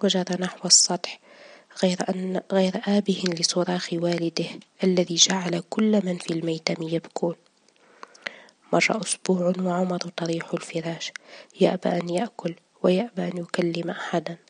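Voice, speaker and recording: A woman reading a story aloud in a soft, partly whispered way. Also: lowish voice, level tone, a little fast, slightly rough. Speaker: narrator. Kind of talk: scripted story narration.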